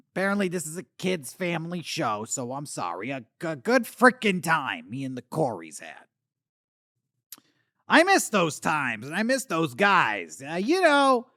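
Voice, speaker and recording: A man's voice: high-pitched, fairly bright tone, no room sound, clean studio sound, exaggerated voice. A man voicing a washed-up male alien star from the eighties who rambles and slurs, swinging between boasting and muttering, in a comedic monologue. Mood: sheepish, then wistful. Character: washed-up male 80s alien puppet star, boozy and bitter. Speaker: talk show host character.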